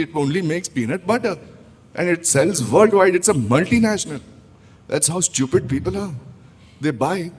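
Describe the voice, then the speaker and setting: A middle-aged man with an Indian accent gives a talk to a live audience as a tea room founder and chef, blunt and lecturing, often asking the audience questions. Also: medium pitch.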